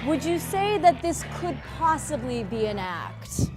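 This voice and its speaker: A woman's voice: high-pitched, big pitch swings, unhurried, over music. A woman playing a theatrical, grandstanding lawyer in improvised comedy. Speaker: opposing attorney in improvised comedy courtroom.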